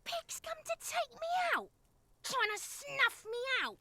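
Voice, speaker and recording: A woman voicing a paranoid, hostile woman who spits accusations at a cop in a shrill, spiteful tone. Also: wildly swooping pitch, a little slow, sharp tone, full character voice.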